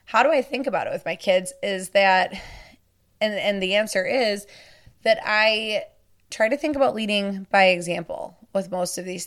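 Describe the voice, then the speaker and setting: A woman's voice: mid-range voice, fairly bright tone. Chatty woman podcast host. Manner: chatty, self-deprecating, frequent "you know" asides. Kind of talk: casual podcast Q&A.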